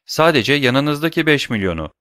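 A man voicing a calm, curt bandit chief in an audiobook. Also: medium pitch, smooth, dry recording, studio quality, voice pushed up. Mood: cool. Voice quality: cool, unhurried, curt.

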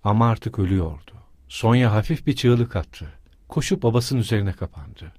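A male audiobook narrator with a low, husky voice. He reads in a measured, dramatic way, close and dry with no room echo. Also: lively intonation, darkish tone. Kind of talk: scripted narration.

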